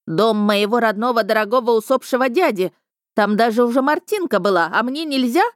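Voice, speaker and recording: A woman's voice: brisk, no echo, studio quality, lightly acted. A woman narrator voicing a hysterical, theatrical older woman who shrieks and carries on in an audiobook. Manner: shrill, shrieking, melodramatic.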